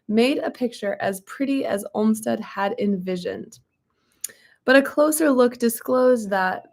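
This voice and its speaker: A young woman with a hoarse, slightly high voice chats casually and reads aloud from a book, peppering her speech with frequent ums and likes.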